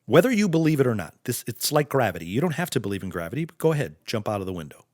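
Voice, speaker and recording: A male podcast host giving an earnest, preachy motivational monologue in slow, deliberate phrases. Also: medium pitch, sing-song, darkish tone, no echo, studio quality.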